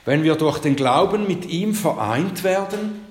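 Guy giving a slow sermon, lots of echo, long reverb like a big church. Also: on the high side, expressive. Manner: slow, emphatic preaching with stressed quotations. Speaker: preacher. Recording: echoey hall, long reverb.

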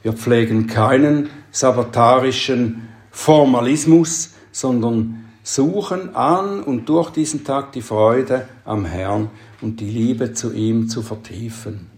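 A man preaching a sermon in a slow, measured way, lifting his voice to stress key words. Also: mid-range voice, a little mellow, roomy sound.

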